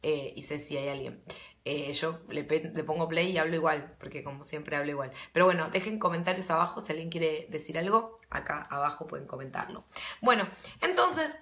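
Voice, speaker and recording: A woman with a Rioplatense Argentine accent chats casually with her viewers, hopping between thoughts with fillers and restarts. Her voice is bright and forward. The phone or laptop mic picks up a roomy echo around her. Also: low-pitched, expressive, brisk. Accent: Rioplatense Argentine Spanish. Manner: chatty and rambling, full of fillers and restarts. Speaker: book vlogger. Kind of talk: casual live-stream chat.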